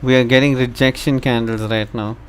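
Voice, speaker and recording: A man from India casually commenting on a live stream, chatting to his viewers in a relaxed way. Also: medium pitch, moderate pace, smooth. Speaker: live trading stream host.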